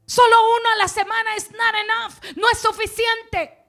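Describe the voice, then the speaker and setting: A woman's voice: very high-pitched, level tone, moderate pace, pushed and bright, soft background music, voice pushed up, full character voice. A woman pastor imitating an eager church member who pleads for more services. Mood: pleading.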